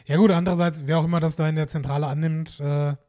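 A man hosting a casual podcast chat, listening calmly with short agreeing replies and dry remarks. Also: fairly high pitch, fast.

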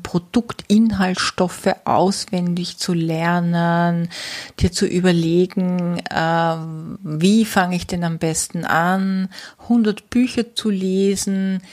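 Woman, middle-aged; low, gravelly coaching voice, earnest and repetitive. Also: darkish tone. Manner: earnest, repetitive emphasis with many fillers. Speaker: network marketing coach. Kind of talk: motivational talk to the listener.

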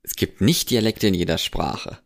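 A man's voice: sits low, normal speed, creaky. A German man chatting casually as a podcast co-host, blunt and jokey, laughing often. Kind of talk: casual chat.

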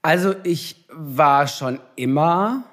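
A young man, a TV presenter, talking casually and reflectively as an interview guest, with many pauses and fillers. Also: a little high, lively intonation, fairly bright tone.

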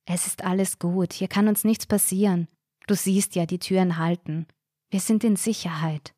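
Woman doing a reassuring young man, soft low voice, dry close sound. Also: little pitch movement, measured pace, dry recording. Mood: soothing. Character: young man, soothing then shouting.

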